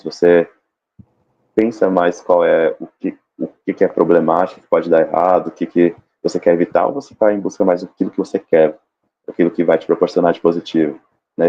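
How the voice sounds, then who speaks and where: A man's voice: deep voice, little pitch movement, a little fast, mellow, a little hiss or hum. A man on a live panel explaining sales techniques, acting out short seller and client exchanges as he goes. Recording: dull lo-fi stream audio.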